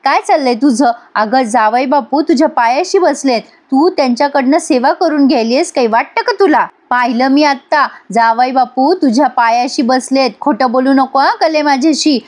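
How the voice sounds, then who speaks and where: Scolding mother, stern and reproachful, fairly high voice, as a woman puts her on. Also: normal speed, few pauses, close to an everyday voice.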